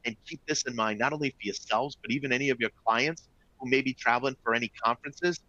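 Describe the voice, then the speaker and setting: Presenting a live webinar to travel agents, a middle-aged Bostonian keeps things upbeat and conversational, frequently asking "all right?" and addressing "folks." His mid-range voice is bright and forceful, his pace quick, and the sound lo-fi.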